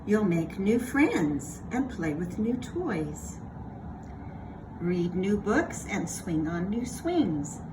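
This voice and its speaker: Woman as a soothing mama raccoon, slow n gentle, storybook read, noisy background. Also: mid-range voice, sing-song. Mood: reassuring. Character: gentle, reassuring mother raccoon. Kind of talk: children's storybook character voice.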